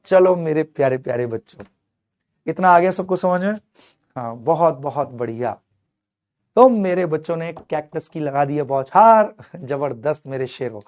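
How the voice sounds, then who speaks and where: Speaking at a normal pace in a voice on the high side, this young man teaches chemistry online, animatedly prepping students for exams. His Hindi is sprinkled with English terms, and he calls the students his kids.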